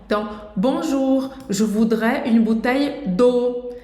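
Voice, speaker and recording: A woman's voice: on the high side, takes it slowly, mellow. Patient woman teaching pronunciation, echoey. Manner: patient, explains step by step. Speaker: French teacher. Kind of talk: pronunciation lesson. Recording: echoey room.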